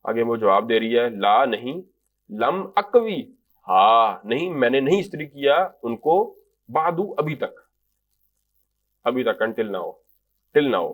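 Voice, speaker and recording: A man's voice: medium pitch, big pitch swings, pauses often. A man giving an Arabic grammar lecture in Urdu, reading out example phrases and translating them patiently line by line. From Pakistan. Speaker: Arabic language teacher.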